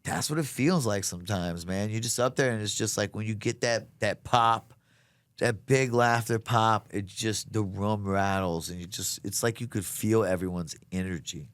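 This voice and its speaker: A man's voice: lowish voice, normal speed, fairly bright tone, dry recording. A man chatting casually as an interview guest, earnest and emphatic, with plenty of slang. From south Louisiana, United States. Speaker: comedian being interviewed. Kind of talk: casual chat.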